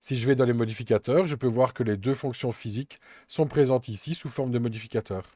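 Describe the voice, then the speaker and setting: A man walks through a software tutorial step by step, calm and methodical. His voice is dark and mellow, and the recording is dry and close with no room sound. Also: medium pitch, fast talker, no room sound. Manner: calm, methodical step-by-step explaining with occasional fillers. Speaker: Blender tutorial instructor.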